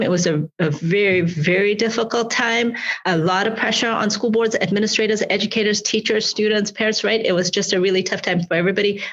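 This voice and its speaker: A woman's voice: medium pitch, fairly bright tone, highs cut off. A woman in her forties from Malawi, a school board president answering interview questions earnestly, often repeating words as she finds her phrasing.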